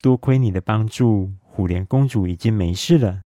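A quiet, grateful young warrior, as a man reads him, soft and gentle, low mellow voice, bedtime storybook. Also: moderate pace, no echo, clean studio sound, close to an everyday voice.

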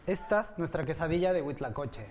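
Chef with a fairly high voice. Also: male voice, lively intonation, fairly quick, a crowd in the background. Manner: friendly, explanatory, ends phrases with tag questions. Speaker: head chef. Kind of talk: explaining dishes on camera.

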